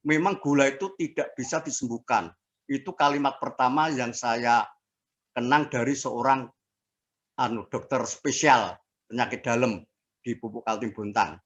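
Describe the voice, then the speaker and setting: A man in his sixties recounts his own experience in a relaxed interview. His voice sits in a middle register. He talks haltingly, with frequent fillers and restarts. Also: medium pitch, lo-fi sound. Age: 60s. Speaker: interviewee sharing a health testimony. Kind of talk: casual personal testimony.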